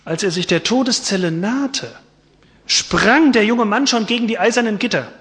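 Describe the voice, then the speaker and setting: A male preacher tells a story in an earnest, dramatic sermon. His voice sits high for a man. It carries through a church with a long reverb. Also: moderate pace, a bit bright.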